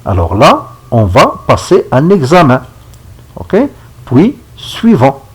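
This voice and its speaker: A man giving a step-by-step software tutorial, checking in with his viewers as he goes. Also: medium pitch, huge pitch swings, husky, poor audio. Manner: slow, step-by-step, checks in with "d'accord?". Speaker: instructor. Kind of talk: screen-recorded software tutorial.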